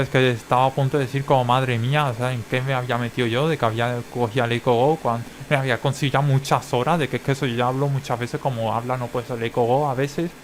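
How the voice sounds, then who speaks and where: A man's voice: mid-range voice, slight background noise. Rambling Spanish man vlogging. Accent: Spain Spanish. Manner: rambling, tags many phrases with a questioning check. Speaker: language-learning vlogger. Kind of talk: casual rambling explanation.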